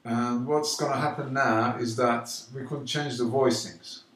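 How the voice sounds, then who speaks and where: A man teaching a drum rhythm, explaining calmly and counting the beats out loud, slow and emphatic. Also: medium pitch. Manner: counts beats aloud loudly and slowly between calm explanations. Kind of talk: casual drum lesson. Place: London. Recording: roomy echo, mic at a distance, drumming.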